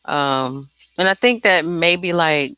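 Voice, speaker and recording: A singer and songwriter chats casually and candidly about making music, unscripted, informal, slangy, and swearing freely. Her voice is described as light and airy yet lowish, slow, bright, forceful, clear, and resonant.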